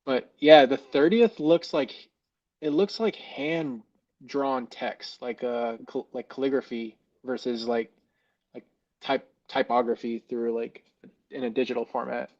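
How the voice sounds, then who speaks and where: A man's voice: mid-range voice, a little slow, a little mellow. A man with an American accent chatting casually as a podcast guest, feeling for his words, his voice muffled as if underwater in a fishbowl. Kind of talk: casual chat.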